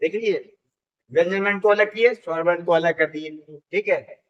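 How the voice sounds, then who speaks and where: Male teacher, high voice, slow deliberate drilling with question-and-answer, dull lo-fi classroom recording. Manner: drills pronunciation, asks questions and repeats answers. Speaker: Sanskrit teacher. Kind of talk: classroom lesson.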